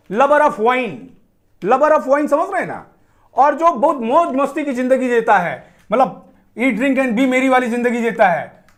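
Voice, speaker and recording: A man teaching a live online vocabulary class, mixing Hindi and English and reading out viewers' answers as he goes. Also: extremely high pitch.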